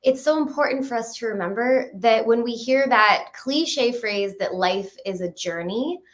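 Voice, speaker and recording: A woman in her thirties, a guest in a casual interview, talking in a quick, animated way and often laughing. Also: on the high side. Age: 30s. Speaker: podcast guest.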